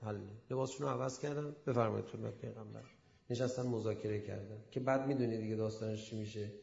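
A man preaching a storytelling sermon, acting out the people in it and swinging from hushed asides to loud emphasis. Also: on the low side, creaky. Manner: animated, acts out quoted speakers. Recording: echoey dull lo-fi room sound.

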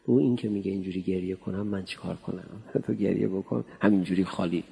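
Deep, gravelly and dark, with a breathy edge and fairly even intonation, a man preaches to a crowd in a hall with reverb. The cleric keeps his religious talk chatty and playful, regularly asking the audience questions.

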